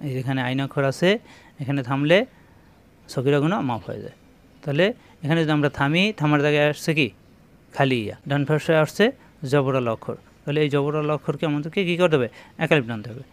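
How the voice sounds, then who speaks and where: Man, Quran reading teacher, fairly high voice, slow drawn-out syllables, repeats sounds, direct instructions to viewers. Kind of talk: spoken Quran reading lesson.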